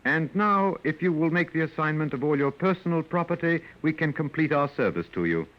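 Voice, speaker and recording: An actor playing a formal, quietly menacing male humanoid robot in a 1950s radio drama, heard on an old radio recording. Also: on the high side, lively intonation, fairly quick, highs cut off. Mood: coldly polite. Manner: coldly courteous, formal.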